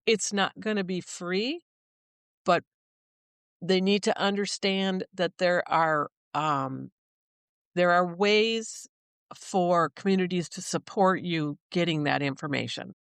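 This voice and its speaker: A woman's voice: on the low side, slow pace, clear, resonant tone, no echo. A middle-aged woman who owns a small business, chatting in an interview and explaining things with examples and frequent restarts. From Minnesota. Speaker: small business owner, guest. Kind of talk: casual interview talk.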